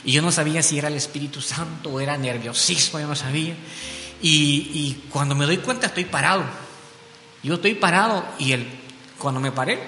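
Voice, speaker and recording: A man's voice: on the high side, slight background noise. A man from Belize giving an earnest spoken testimony in church, telling his story with frequent tag questions. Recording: echoey hall with soft music.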